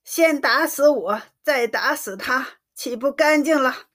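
A woman voicing a stern, angry elderly grandmother who scolds in a trembling, sharp voice. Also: high voice, takes it slowly, pitched above the performer's own voice. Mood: scolding.

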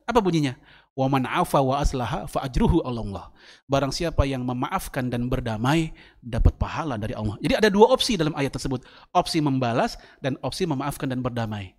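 Lively, animated male preacher. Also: mid-range voice, brisk. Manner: lively, jokey, switches between Arabic quotes and casual slang. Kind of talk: sermon.

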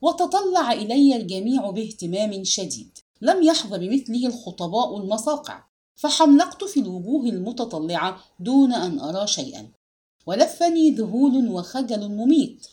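A woman narrating a literary story aloud in a measured, expressive reading style. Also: on the high side.

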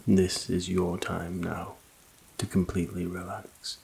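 A man narrating a sleep story in a soft, calm, hushed voice, slowly and soothingly, with a scripted relaxing delivery. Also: low voice, vocal fry. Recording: faint noise under rain ambience. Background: rain ambience.

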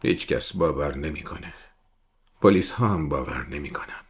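A man's voice: rumbling low, lively intonation, slightly rough, heavily acted. A man voicing a frightened whispering peddler. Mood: whispered pleading. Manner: murmured, half-whispered pleading. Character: frightened middle-aged male peddler, pleading.

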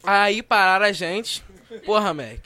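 A young man from Brazil, telling a funny story in an animated, slangy way on a podcast with friends. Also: high voice, measured pace. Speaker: podcast co-host. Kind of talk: casual storytelling among friends.

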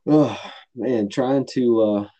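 A man's voice: mid-range voice, slow, dark tone. A man co-hosting a faith podcast in casual chat, upbeat and welcoming, his voice strained after a weekend of singing. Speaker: podcast co-host. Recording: dull lo-fi sound.

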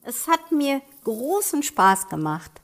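A woman author reading her own novel aloud in a measured, even way. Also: high voice, faint music behind. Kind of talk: audiobook reading.

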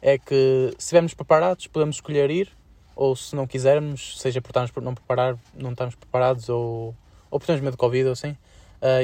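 A young adult man with a European Portuguese accent co-hosts a casual student podcast, talking fast at an average pitch in a slangy, halting way. His voice is a little mellow, and the dry recording has little to no room sound.

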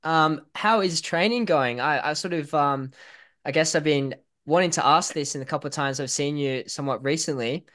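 A man's voice: a little high, moderate pace, a bit bright. A man hosting a podcast in a casual, chatty style. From outside Northern Ireland. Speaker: podcast host. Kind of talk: casual chat.

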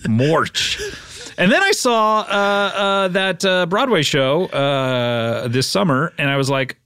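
A man's voice: sits high, measured pace, pushed and bright, clean tone, dry recording. A man hosting a comedy podcast, laughing often and teasing his co-host in casual chat. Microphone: studio mic.

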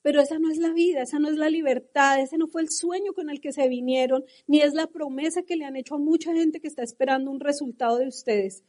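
A woman with a Colombian accent giving a passionate, animated motivational talk to a live audience at a business seminar. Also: sits high, fast talker, few pauses.

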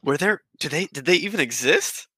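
Bright-voiced man joking on a podcast. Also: on the high side, expressive, fairly quick, breathy edge, dry recording. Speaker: podcast co-host. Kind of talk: casual podcast chat.

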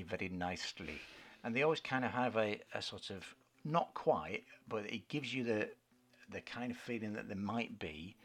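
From a book-lined study set up as a home studio, a middle-aged British co-host of a casual radio show banters and rambles through a chat about favorite films and books. He has a deep, slightly bright voice.

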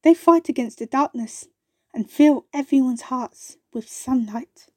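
A woman's voice: high-pitched, measured pace, warm tone, no echo, clean studio sound. A woman voicing a small, thoughtful female bumble wasp in a storybook reading, speaking hesitantly and dreamily, sometimes stammering. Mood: dreamy.

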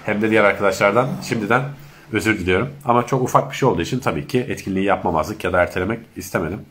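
A man's voice: fairly low pitch, rapid-fire, a bit bright, slight background noise. A man with a congested, stuffy nose from allergies, speaking as he politely hosts a casual live-stream chat. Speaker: host of an online live chat.

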